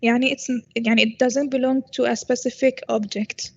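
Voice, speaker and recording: Female teacher addressing a class, Arabic accent, slightly high pitch, muffled recording, frequent comprehension checks. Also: flat delivery, fast. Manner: switches between English and Arabic, checks understanding often. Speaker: university programming lecturer.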